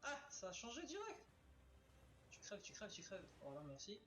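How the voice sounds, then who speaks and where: A man with a high voice plays through a game at a normal speed, his excited let's play commentary full of exclamations and curses aimed at enemies. The audio comes from his webcam's built-in microphone.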